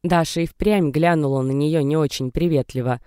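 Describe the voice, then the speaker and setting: Guy reading a book chapter aloud, smooth clear voice, kinda high, dry close mic. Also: moderate pace, dark tone, dry recording. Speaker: audiobook narrator. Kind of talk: scripted narration.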